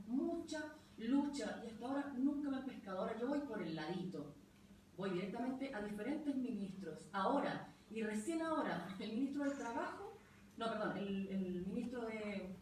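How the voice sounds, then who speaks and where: A woman's voice: on the high side, slight background noise. A woman working as a sign language interpreter, voicing a deaf speaker in short, clipped phrases during a live panel talk. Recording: very echoey room, voice from far off.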